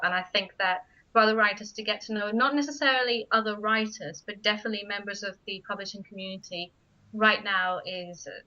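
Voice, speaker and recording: Speaking with a medium pitch that sounds pushed and bright, this Spanish woman, a native speaker of Spanish, fields radio interview questions about her writing as a guest writer, frequently breaking off and restarting. The audio, from a studio microphone, is muffled radio studio sound.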